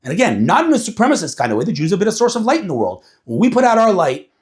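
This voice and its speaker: A man talking casually to an audience, animated and acting out quoted voices as he explains. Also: sits high, very fast. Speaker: speaker.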